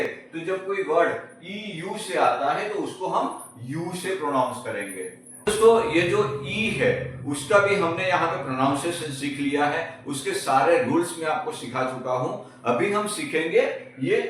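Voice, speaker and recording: A man's voice: fairly high pitch, fairly bright tone. A man teaching a spoken language lesson, spelling words letter by letter, repeating each rule and asking the viewer questions. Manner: asks rhetorical questions to the viewers. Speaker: English teacher. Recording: echoey room, mic at a distance, faint noise.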